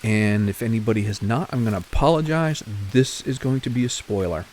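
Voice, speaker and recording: A gaming channel host chats casually with viewers about his survival game play, often correcting himself. His mid-range voice is a little fast and darkish, with a faint hiss or hum.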